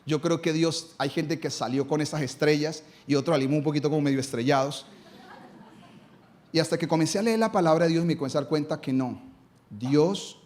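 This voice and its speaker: Man, pastor, high voice, emphatic live sermon, rhetorical questions. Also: a little mellow. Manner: emphatic, asks rhetorical questions and answers them. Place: church.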